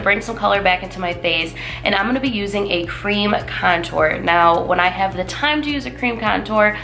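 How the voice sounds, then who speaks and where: In this casual makeup tutorial, a beauty vlogger in her twenties sounds a bit bright at a medium pitch. She's chatty and cheerful, leans on many fillers, and has a nasal edge from a cold she's recovering from.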